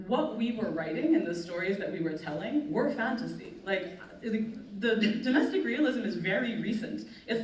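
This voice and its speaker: A woman's voice: medium pitch, a little mellow, recorded from a distance, a little hiss or hum. A woman author on a live panel, articulate and lecturing, with a self-mocking edge. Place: festival stage in a large hall. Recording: echoey hall, voice from afar.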